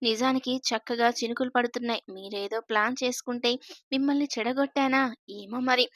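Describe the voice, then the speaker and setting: A woman's voice: a little high, fairly even intonation, a little fast, fairly bright tone, no echo, clean studio sound, lightly acted. A woman voicing a cheeky, bantering young woman in a storybook reading. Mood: playful. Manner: laughing, bantering.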